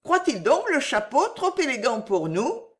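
A woman doing a vain young society lady, high and exclaiming. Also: very animated, measured pace. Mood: indignant. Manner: indignant, exclamatory, high-pitched. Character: young elegant Spanish lady, sentimental and vain. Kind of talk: audiobook reading.

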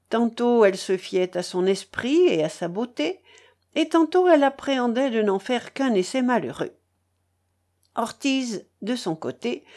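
A woman narrating a classic novel as an audiobook, with an expressive, lilting reading. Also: mid-range voice. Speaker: audiobook reader.

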